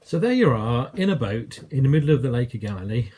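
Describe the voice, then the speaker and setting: A man's voice: mid-range voice, sing-song, fast, mellow, slight background noise. A man with an English accent preaching a sermon, telling a story in a conversational way and acting out quoted lines.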